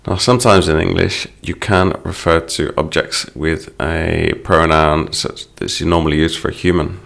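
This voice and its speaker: Male English teacher, low gravelly voice, patient explainer, walks through song lyrics. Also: steady tone, moderate pace, fairly bright tone.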